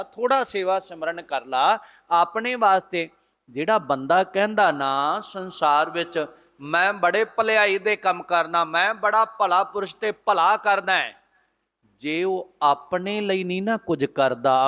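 A man, a head granthi, giving a Sikh scripture exposition, chanting verses slowly and then explaining them in a preaching manner. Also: high voice, bright, forceful tone, in a large hall.

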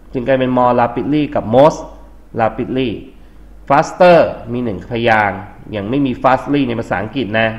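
A man's voice: mid-range voice, dull audio. A man with a Thai accent teaching an English grammar lesson for exam prep, explaining steadily and spelling words out letter by letter. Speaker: English tutor.

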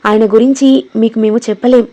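A woman's voice: on the high side, fairly even intonation, a little fast, warm tone, natural voice. A woman voicing a loyal, deferential working man in a storybook reading. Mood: devoted.

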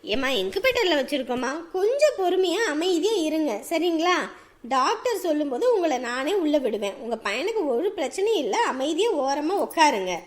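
An actress playing a patient hospital nurse who reassures a worried mother and gently lectures her. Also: high voice, sing-song, normal speed. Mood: reassuring.

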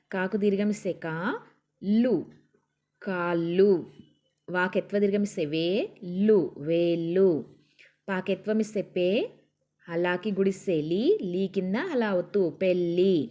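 A woman with a mellow, soft tone takes young learners through a reading lesson. She is patient and spells out each word syllable by syllable. Her questions to the children are light and friendly. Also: medium pitch. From Telugu-speaking India. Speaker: teacher.

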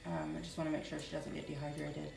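Woman pet vlogger, low and gravelly, chatty with fillers, faint music behind. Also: flat delivery, fast talker. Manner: chatty, with frequent fillers and baby talk to her birds. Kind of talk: casual pet vlog narration.

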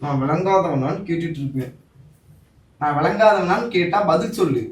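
A man's voice: on the high side, lively intonation, brisk. Pleading man in an echoey room. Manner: pleading, emotional. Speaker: vlogger acting out a couple skit. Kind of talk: scripted couple skit.

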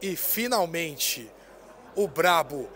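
A man's voice: a little high, lively intonation, very slow, a bit bright. A man in his thirties interviewing a guest at an indoor music fair with a handheld mic, talking in a hyped, slangy, joking way. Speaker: interviewer host. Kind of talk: casual event interview.

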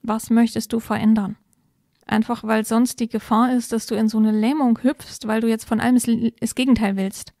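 Gravelly, flat-toned woman explaining. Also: a little high, moderate pace, dry recording, clean studio sound. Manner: explanatory, thoughtful, gives step-by-step advice. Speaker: podcast co-host explaining parenting topics. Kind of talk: casual podcast conversation.

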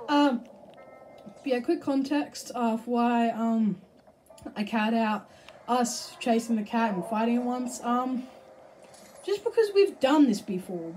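A woman giving casual let's-play commentary, excitable, swearing and shouting at the game, cooing baby talk to an in-game pet. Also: a little high, low-quality recording. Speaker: gameplay streamer.

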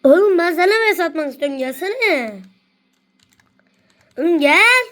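A woman streaming an online game, taunting opponents and swearing loudly as she plays. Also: very high-pitched, lively intonation, normal speed. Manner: trash-talking, taunting, profane, shouts repeated jeers. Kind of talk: live gameplay chat.

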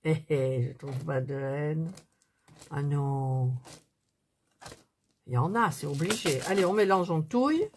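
A woman's voice: deep voice, slow, pauses often, a little mellow, a little hiss or hum. A woman chatting casually through a craft tutorial, thinking aloud as she works. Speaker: craft vlogger.

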